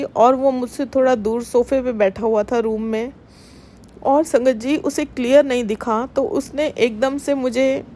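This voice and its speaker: Woman, middle-aged, devotional testimony, slow and emotional, slightly high voice, faint background hiss. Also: a little mellow. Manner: emotional, earnest, addresses listeners as sangat ji. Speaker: devotional satsang speaker.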